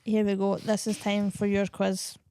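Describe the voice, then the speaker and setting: Gravelly-voiced woman hosting a podcast. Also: medium pitch, completely flat delivery, moderate pace, warm tone, no room sound. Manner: blunt, sweary, teasing. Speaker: podcast host. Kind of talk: casual comedy podcast chat.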